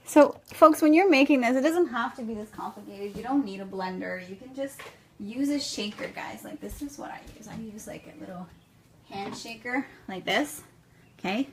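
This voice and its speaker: A woman's voice: a little high, lively intonation, normal speed. A woman in her thirties with a French accent, demonstrating a recipe to viewers and checking in with "okay?" and "guys" after nearly every line. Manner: chatty, keeps tagging "okay?" and "guys". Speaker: vlogger demonstrating a smoothie recipe. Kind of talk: casual kitchen demo, talking to viewers. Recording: noisy home recording.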